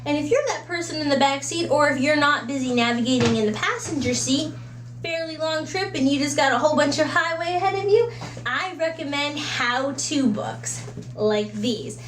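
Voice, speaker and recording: A native English-speaking woman with a high, expressive voice gives casual book recommendations at a moderate pace. She's chatty and conversational, slipping into little acted-out quotes and asides. The room is echoey, with a faint hum in the background.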